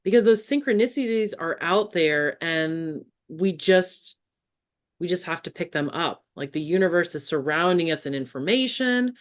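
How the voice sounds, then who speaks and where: A woman's voice: lowish voice, animated, normal speed. A woman hosting a spiritual podcast, enthusiastic and encouraging in casual chat. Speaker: podcast host.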